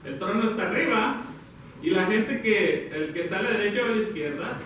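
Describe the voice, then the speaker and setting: A man preaching a sermon, talking warmly to the congregation as brothers and sisters, pausing and correcting himself as he goes. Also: sits high, lively intonation, slight background noise. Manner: addresses listeners as brothers, halting with self-corrections. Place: church hall. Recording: very echoey hall, from far off.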